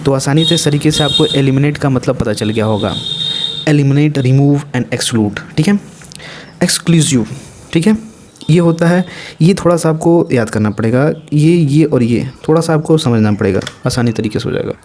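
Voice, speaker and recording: A man giving a casual exam-prep vocabulary lesson, talking in a lively, playful way with chatty asides. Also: medium pitch, normal speed, a little hiss or hum. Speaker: vocabulary teacher.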